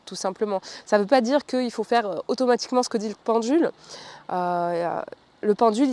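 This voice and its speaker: A woman's voice: fairly high pitch, a little mellow. A French woman in her thirties chatting to camera, telling a personal story with many fillers and sometimes dropping her voice. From France. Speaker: vlogger.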